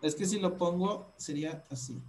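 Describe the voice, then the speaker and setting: A woman's voice: fairly low pitch, normal speed, darkish tone. A Mexican woman teaching a math lesson to young children, asking questions patiently.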